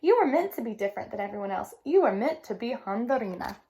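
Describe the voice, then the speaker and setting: A woman's voice: fairly high pitch, very animated, fast talker, noisy background. A woman voicing a loving, proud grandmother in a storybook read-aloud. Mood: coaxing proud. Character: warm loving Honduran grandmother.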